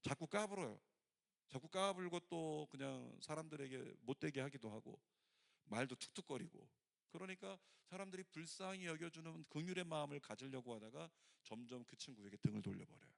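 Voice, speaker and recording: A middle-aged male pastor preaching a sermon, telling a story with lively acted-out quotes. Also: fairly high pitch, brisk, gravelly. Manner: animated storytelling, acts out quoted voices.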